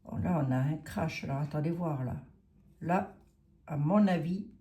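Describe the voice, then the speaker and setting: A woman's voice: low-pitched, moderate pace, dark tone, roomy sound. A woman with a Lorraine French accent doing a casual tarot reading, musing aloud and hesitating with many fillers. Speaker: tarot reader.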